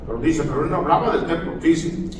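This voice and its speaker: A man's voice: fairly high pitch, brisk, noisy background. Male pastor preaching in an echoey church. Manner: call-and-response preaching, often asking the congregation for amens. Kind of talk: sermon. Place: church hall. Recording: echoey hall, voice far from the mic.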